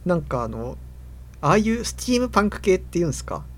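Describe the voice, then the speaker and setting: A man in casual podcast chat, speaking in a relaxed, hesitant way with many fillers. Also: high-pitched, a little fast, slight background noise. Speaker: podcast co-host.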